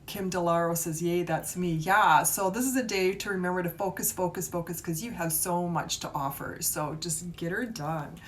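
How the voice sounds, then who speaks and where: Speaking at a moderate clip with barely a pause, this woman is a tarot reader and reiki healer running a live stream. Her reading is relaxed and reassuring, drifting casually as she talks with viewers, while a distinct rumbling sound carries through the audio.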